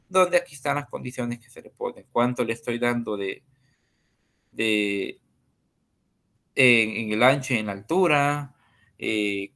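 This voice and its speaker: A man tutoring a coding class over a screen share, talking slowly with many pauses and fillers. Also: mid-range voice, gravelly, a bit bright. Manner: slow and hesitant, many fillers.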